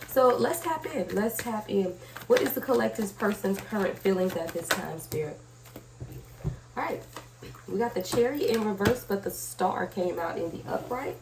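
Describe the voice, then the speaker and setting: At normal speed and a medium pitch, an expressive tarot reader hosts a conversational reading for her channel despite having a cold that makes her voice slightly scratchy. She speaks directly to viewers and checks in with short tag questions.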